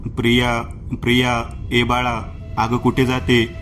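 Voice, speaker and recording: Man doing worried village mother, fussing, pleading, monotone, horror storybook reading. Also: mid-range voice, slow, a little hiss or hum. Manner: pleading, fussing over her child. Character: anxious, caring village mother of a teenage daughter.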